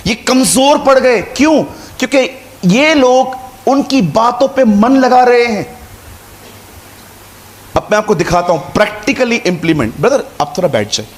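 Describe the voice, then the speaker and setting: High-voiced man preaching a lively sermon. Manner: conversational Hindi preaching with repetition and quoted dialogue.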